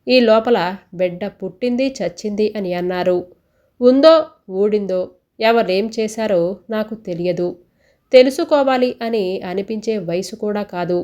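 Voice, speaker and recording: A woman's voice: mid-range voice, a little slow, dark tone, close to an everyday voice. A woman doing a weary, bitter young wife. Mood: resigned. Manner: resigned, bitter recounting. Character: weary young woman recounting her past.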